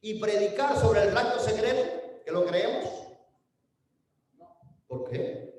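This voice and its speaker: A man with a Mexican accent preaches a sermon in a chatty way, turning to the congregation with questions. His voice sits fairly high but sounds soft and mellow. He is heard from a distance in a church hall with a long, heavy echo. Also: slow pace. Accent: Mexican Spanish. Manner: conversational, often asks the congregation questions. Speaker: pastor. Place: church sanctuary. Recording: very echoey hall from far off.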